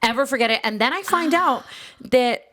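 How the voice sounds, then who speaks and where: Young woman rushing through a story. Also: high-pitched, animated, a bit bright. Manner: rapid, filler-heavy, acts out quoted voices. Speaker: podcast co-host. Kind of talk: casual chat, animated storytelling.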